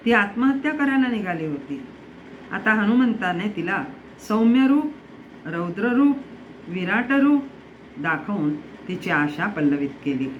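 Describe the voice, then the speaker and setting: A storyteller narrating a devotional epic in an expressive, explanatory way, pausing for rhetorical questions. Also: mid-range voice. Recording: dull lo-fi recording with faint noise.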